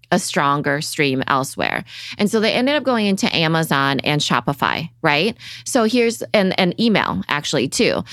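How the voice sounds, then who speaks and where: A woman's voice: on the low side, no echo, studio quality. A woman co-hosting a marketing podcast, talking emphatically and casually. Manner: emphatic, leans on "right?" and "you know". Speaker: podcast co-host.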